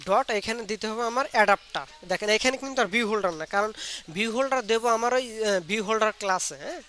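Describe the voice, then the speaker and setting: Bright-voiced man teaching a coding class. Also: high-pitched, very fast. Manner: explains step by step, quizzing students with questions. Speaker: programming instructor. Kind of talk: live online coding class. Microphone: computer mic on a video call. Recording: faint background noise.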